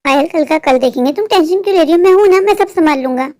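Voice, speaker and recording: A woman voicing a smooth-talking young husband and son in a cartoon, reassuring his bride in a glib way. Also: very high voice, quick pace, a little mellow. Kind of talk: cartoon voice acting.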